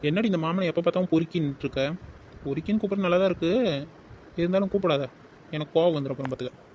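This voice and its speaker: A man's voice: fairly high pitch, darkish tone, highs cut off, a little hiss or hum, close to an everyday voice. A man voicing a brash, pushy young village man in a cartoon, ordering people about. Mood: teasing. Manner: bossy, rapid-fire demands. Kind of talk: dubbed cartoon dialogue.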